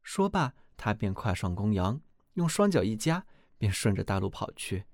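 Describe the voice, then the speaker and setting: A man reading a fairy tale aloud as narrator, expressive and animated. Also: lowish voice, moderate pace, no room sound, studio quality.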